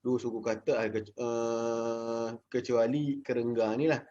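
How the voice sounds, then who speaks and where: A young man with a Malaysian Malay accent teaching a casual Jawi lesson to children, chatty and full of fillers, sounding out syllables slowly. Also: medium pitch, level tone, dark tone, lo-fi sound.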